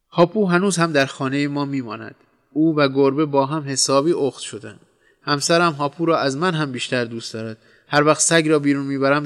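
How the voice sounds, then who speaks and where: A man's voice: mid-range voice, clear, resonant tone. Man narrating a wry story.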